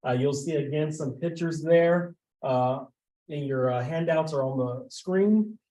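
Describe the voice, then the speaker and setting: A man, a school administrator, giving a formal report at a board meeting and often pausing on filler sounds. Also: fairly high pitch, mellow, slight background noise, rough recording. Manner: halting, with frequent filler sounds.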